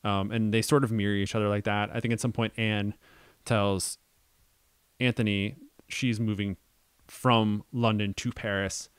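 A man's voice: lowish voice, level tone, a little slow, smooth, no room sound. A young man co-hosting a casual podcast about a film adaptation, thinking aloud with many ums and restarts. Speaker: podcast co-host.

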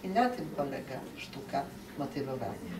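A woman giving an open lecture to teachers, talking in a lively way and acting out quoted parents and children. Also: very deep voice, moderate pace, distant mic, background noise. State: dry throat. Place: lecture hall. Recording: echoey hall, recorded from afar.

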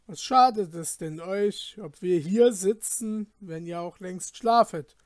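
A man's voice: high voice, slow, dry recording, clean studio sound, voice pushed up. A man voicing an honest, astonished craftsman protesting to an innkeeper, in a storybook reading. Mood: indignant. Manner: indignant, astonished. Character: honest astonished male compass-smith craftsman.

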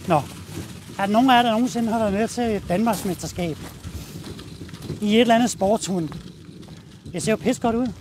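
Danish male dog trainer, high-pitched, blunt and casual, outdoor walk-and-talk demo, faint background noise. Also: long pauses, a little mellow. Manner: blunt, casual, addresses viewers while walking the dog.

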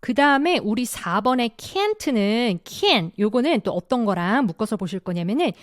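A woman English teacher giving an online lesson, explaining patiently step by step and saying model sentences slowly. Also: on the high side, lively intonation, dry recording, studio quality. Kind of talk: online grammar and pronunciation lesson.

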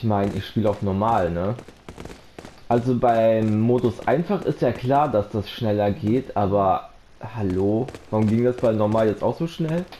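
Playing a horror game, a German man chats casually to his viewers and to the characters on screen as a let's play commentator. He speaks at a moderate pace in a lowish voice, with slight hiss or hum in the background. Easily spooked, he yelps and shouts when startled, right into a desk mic set up close.

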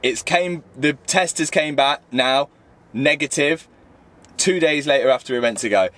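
A young man chatting casually inside a car, joking and animated as he tells a story. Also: fairly high pitch, a little slow. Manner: joking, animated, bursts of exclaiming. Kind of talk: casual chat.

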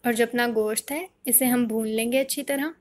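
A Pakistani woman with a fairly high voice narrates a home recipe as a voice-over, moving at a moderate pace. Like a cooking channel host, she walks viewers through each step calmly and plainly.

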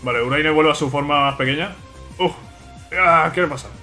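A young man from Spain with a Spain Spanish accent, hosting an excited let's play and reacting aloud, often repeating his words. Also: fairly high pitch, moderate pace, faint music behind. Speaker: gaming video host.

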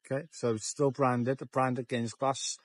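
On town streets at dusk, a chatty young man records himself on a handheld phone for a walking vlog, slightly drunk and prone to rambling and repetition. He speaks at a moderate pace in a flat, medium-pitched voice, with no room sound.

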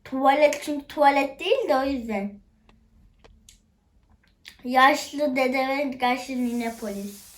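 High-voiced woman commenting on a game. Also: takes it slowly, long pauses. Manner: chatty, exclaims often, talks to viewers. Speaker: gamer, channel host. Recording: faint background noise and clicks.

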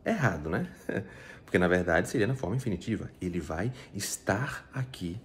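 A Brazilian man with a very low voice and a Brazilian Portuguese accent teaches French in a relaxed, chatty way. He explains each point step by step and keeps asking the listener whether they are following. Faint noise sits under the recording. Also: moderate pace. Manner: chatty, explains step by step, frequent tag questions. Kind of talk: casual video lesson.

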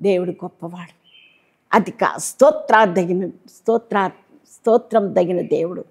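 A middle-aged woman preaching a sermon, pleading with listeners and swinging between loud exhortation and hushed tones. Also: on the low side, unhurried, breathy edge. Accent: Telugu.

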